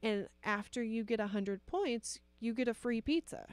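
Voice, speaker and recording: A woman with a fairly high voice co-hosts a casual talk show, speaking at a moderate pace in a clean recording without echo. She laughs often and talks frankly, with some mild swearing.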